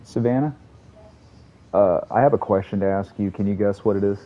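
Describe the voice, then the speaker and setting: Recorded on a muffled track, a man with a lowish voice talks a little fast while streaming a game. He rambles, curses casually and chats with his live audience as he comments on the gameplay.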